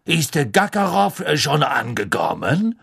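A man voicing a towering, stately and imperious headmistress in a slow, commanding manner with a faint French accent. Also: fairly high pitch, huge pitch swings, vocal fry, a bit bright, breathy edge, pitched above the performer's own voice, full character voice.

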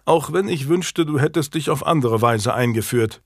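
A man's voice: medium pitch, moderate pace, no echo, lightly acted. Guy voicing a stern medieval lord, dry and commanding, audiobook style.

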